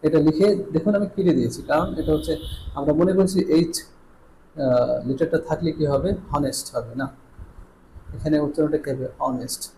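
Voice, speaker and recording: In an online lesson, a man with a Bangladeshi accent teaches English pronunciation, drilling sounds slowly and moving between Bengali and English. His voice is a little high with a warm tone, and the rough recording carries slight background noise.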